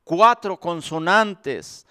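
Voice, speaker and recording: A male pastor preaching a sermon in a slow, emphatic way, repeating his phrases for weight. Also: high voice, expressive, bright, forceful tone, clean tone, no echo, studio quality.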